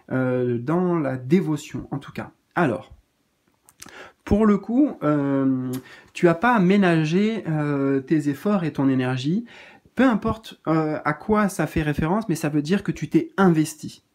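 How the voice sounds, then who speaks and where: A man giving a gentle, reassuring spiritual card reading in a casual spoken style, pausing often with fillers. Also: fairly high pitch.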